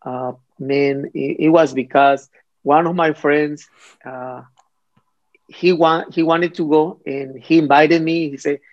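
A man from Mexico, a priest guest in a conversational interview, speaking in a hesitant, halting way with many restarts. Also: a little high, gravelly. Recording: slightly dull audio with faint music.

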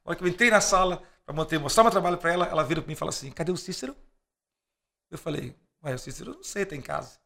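Fast-talking gravelly man telling stories. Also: a little high. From Brazil. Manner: acts out dialogue in quoted voices; lively storyteller, laughs between lines. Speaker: podcast guest. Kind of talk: animated anecdote telling.

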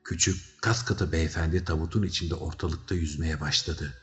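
A man's voice: extremely low pitch, steady tone, normal speed. A man narrating a story as a scripted audiobook reading, dramatic in delivery. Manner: dramatic storytelling, shouting characters' cries. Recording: slightly dull recording with faint music.

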